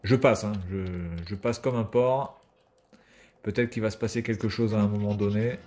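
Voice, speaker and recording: A man's voice: fairly low pitch, steady tone, normal speed, darkish tone. A man giving casual video game commentary as a streamer, sarcastic and swearing freely.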